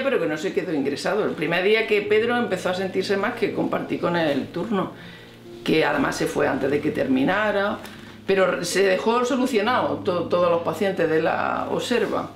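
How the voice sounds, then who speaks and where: Lively Spanish woman in a roomy room. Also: fairly low pitch. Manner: animated storyteller, acts out remembered dialogue. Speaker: hospital colleague. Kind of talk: documentary interview. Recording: roomy room with faint music.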